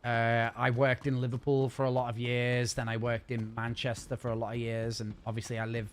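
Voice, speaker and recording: A northern English man rambles and chats quickly while streaming a game live from his home setup. He speaks in a monotone at medium pitch, and a slight hiss or hum can be heard.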